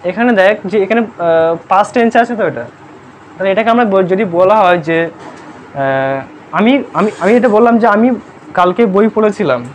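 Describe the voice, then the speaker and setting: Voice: mid-range voice, expressive, brisk. A grammar teacher giving a live classroom lesson, constantly quizzing pupils, checking they understand and spelling words out letter by letter. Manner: sternly scolds noisy pupils.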